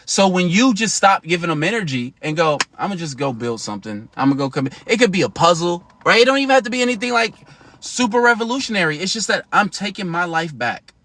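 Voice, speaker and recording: Man, thirties, livestream host, slangy and emphatic, bright voice, dry close sound. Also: sits high, sing-song, quick pace, no echo. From United States. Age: 30s. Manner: slangy, emphatic, chatty with laughs. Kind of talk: casual livestream talk to viewers.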